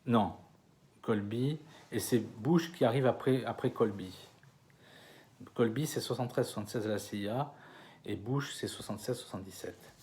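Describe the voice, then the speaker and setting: French male lecturer, low voice, halting delivery with fillers, slows down to spell out names. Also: darkish tone. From France. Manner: hesitant, many fillers and restarts, slow over names. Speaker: conference speaker. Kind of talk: lecture to an audience. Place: conference hall.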